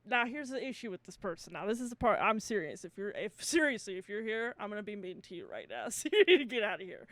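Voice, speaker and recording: A woman's voice: medium pitch, quick pace, few pauses, no room sound. A woman hosting a podcast, chatting casually, telling stories with lots of laughter and swearing. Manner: laughs often, swears freely, animated storytelling. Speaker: podcast host. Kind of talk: casual chat.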